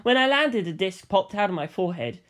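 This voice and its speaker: An audiobook reader narrates a first-person story at a brisk clip. Their middle-pitched voice moves around a lot, making the telling expressive and animated.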